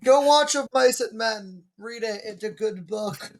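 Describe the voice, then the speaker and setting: High-voiced man rambling jokily. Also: unhurried. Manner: rambling, self-interrupting, jokey. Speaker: junior paleontologist co-host. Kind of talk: casual group chat.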